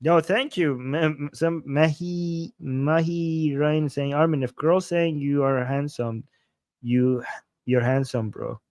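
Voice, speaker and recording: A male livestream host in his forties speaks slowly at a fairly high pitch, with fairly even intonation and a slightly mellow tone. He reads viewer comments aloud, reacting with playful chuckles and frequent repetitions. There's no echo.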